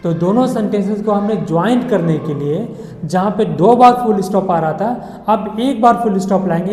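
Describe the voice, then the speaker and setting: A man's voice: high-pitched, darkish tone, slight background noise. A man teaching a grammar lesson, explaining patiently, mixing English words into his speech and checking in with "okay" after each point. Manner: mixes English words into Hindi. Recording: echoey room with long reverb.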